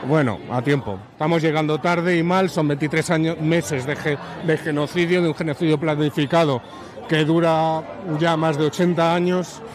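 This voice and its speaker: A man's voice: a little high, steady tone, normal speed, a crowd in the background. A man at a street protest, speaking in an emphatic, indignant way during an interview.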